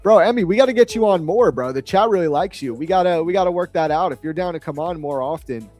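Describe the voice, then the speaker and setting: A man's voice: high-pitched, fast, a little mellow, faint music behind. A man hosting a live show, chatting casually, laid-back and supportive, with heavy use of slang. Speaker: show host. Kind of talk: casual chat.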